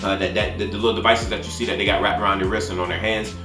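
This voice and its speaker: A film review channel host with a fairly low voice races through a casual movie recap full of spoilers, retelling events informally in a level tone. The room sounds echoey, and faint music plays behind him.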